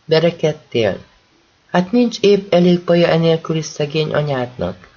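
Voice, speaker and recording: A man voicing a gentle, fatherly older man with a soft, coaxing way of speaking. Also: fairly high pitch, animated, highs cut off.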